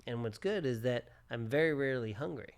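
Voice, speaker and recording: Chatting casually as co-host of a podcast, this plastic surgeon in his forties keeps repeating short phrases. He speaks briskly at a medium pitch with lively intonation.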